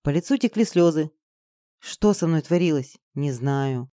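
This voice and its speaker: A reader tells a fantasy story in an even, dramatic manner. The voice sits in a middle range. It is recorded dry and close, with no room sound. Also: mid-range voice, a little slow, no room sound. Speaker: audiobook narrator. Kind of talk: fantasy audiobook narration.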